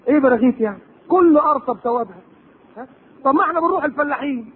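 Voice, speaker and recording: A man's voice: extremely high pitch, slightly rough. A man with an Egyptian accent giving a religious lecture, full of rhetorical questions and sarcastic asides. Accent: Egyptian Arabic. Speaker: preacher. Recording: tinny lo-fi tape recording.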